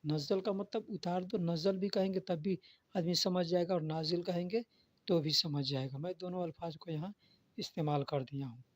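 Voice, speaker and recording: A man's voice: high-pitched, fairly even intonation, moderate pace, no room sound. A man giving a spoken vocabulary lesson, patiently repeating each word and its meaning. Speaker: Arabic vocabulary teacher. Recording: dull, lo-fi dry recording.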